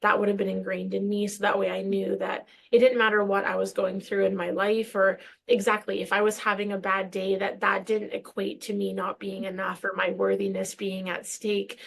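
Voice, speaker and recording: Young woman guest, gravelly, earnest and reflective; from Canada. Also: mid-range voice, flat delivery, moderate pace, hardly any pauses. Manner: earnest, reflective, emotional at times. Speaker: podcast guest. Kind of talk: casual conversation.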